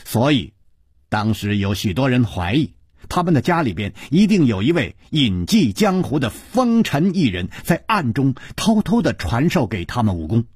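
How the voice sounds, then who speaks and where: A man voicing a proud, shrewd young female disciple who explains deliberately. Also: mid-range voice, big pitch swings, a little mellow, husky, dry recording, studio quality. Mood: knowing explaining. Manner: deliberate, knowing, later coldly sneering.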